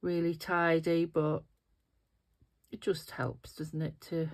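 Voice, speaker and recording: She speaks in a deep, darkish voice with little pitch movement and a slow pace. A middle-aged resin craft host with a sniffly, nasal sound, she chats casually and thinks aloud while working hands-on through the tutorial.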